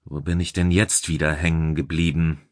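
A man's voice: a bass voice, little pitch movement, moderate pace, no room sound, studio quality, pitched below the performer's own voice. A man playing a veteran male chief engineer who mutters half-aloud to himself. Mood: wry.

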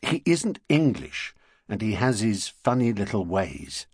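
A man voicing a brisk, harried middle-aged husband in an audiobook. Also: lowish voice, sing-song, husky, no echo, clean studio sound, heavily acted. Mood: exasperated. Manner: brisk, exasperated.

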